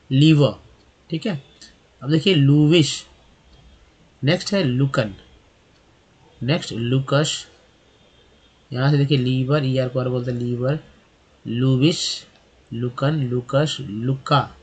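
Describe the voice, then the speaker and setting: A man gives an English lesson. He spells each word letter by letter and keeps asking and answering his own questions, in a voice of middling pitch. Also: slightly rough. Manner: spells words letter by letter, asks and answers himself. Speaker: English teacher. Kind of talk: explaining pronunciation.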